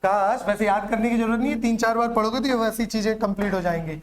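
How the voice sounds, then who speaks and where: Speaking quickly in a high, fairly even voice, a Hindi-speaking teacher with a Chhattisgarh accent drills his class. He quizzes students through repeated questions and memory tricks in call-and-response fashion.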